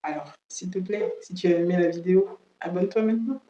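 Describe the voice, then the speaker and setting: A woman's voice: lowish voice, warm tone, roomy sound, dull audio. A woman teaching English in French who drills each word by repeating it several times. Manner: slow, drills words by repeating them. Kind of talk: French-language English lesson.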